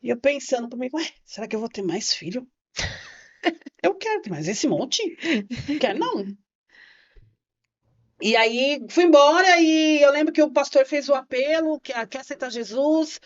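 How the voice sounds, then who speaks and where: São woman, kinda high voice, podcast guest telling her life story, acts out what people said, bit muffled sound. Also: animated, a little slow, pauses often. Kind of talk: personal testimony in a podcast interview. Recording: slightly muffled podcast audio.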